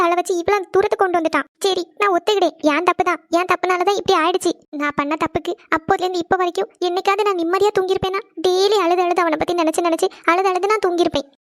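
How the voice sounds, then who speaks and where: A woman voicing a grieving middle-aged mother in a cartoon, lamenting tearfully. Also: very high voice. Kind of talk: animated cartoon voice acting.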